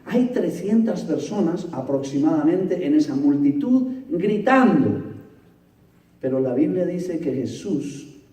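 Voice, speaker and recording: Dramatic preacher in an echoey church. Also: male voice, a little high, very animated, slow pace, recorded from a distance. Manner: dramatic storytelling, swinging from loud to near-whispered. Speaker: pastor. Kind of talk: sermon.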